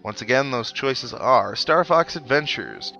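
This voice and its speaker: Loud game music plays over a dull lo-fi recording of a man hosting a video game playthrough. His medium-pitched voice has vocal fry and is expressive and unhurried as he rambles wryly to himself.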